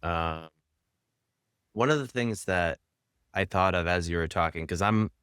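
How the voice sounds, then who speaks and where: A man's voice: deep voice, a little slow, a bit bright, smooth, no echo, studio quality. A man in his thirties hosting an interview, talking casually with a rambling, hesitant manner full of fillers. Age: 30s. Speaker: podcast host.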